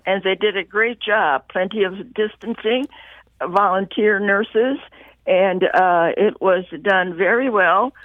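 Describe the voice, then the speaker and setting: A woman in her eighties calling in to a radio show, heard over the phone, talking in a halting, homely way as she searches for words. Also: mid-range voice, no room sound. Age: 80s. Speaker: radio call-in caller. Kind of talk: casual call-in chat. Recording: tinny dry phone line.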